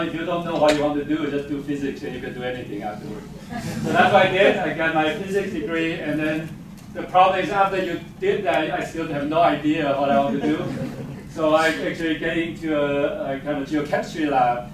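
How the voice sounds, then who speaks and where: A Taiwan-born geophysics professor speaks English in a casual faculty talk in a lecture hall, his somewhat high voice moving a little fast with fairly even intonation. His grammar is non-native, and he's self-deprecating and chuckles often. The recording is noisy and very echoey, picked up by a distant mic.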